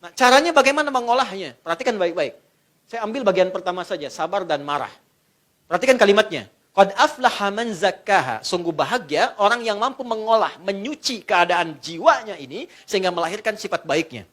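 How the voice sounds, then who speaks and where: A middle-aged man preaching a lively sermon to a live audience, asking them questions and joking along the way. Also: high voice. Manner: animated, asks the audience questions and jokes.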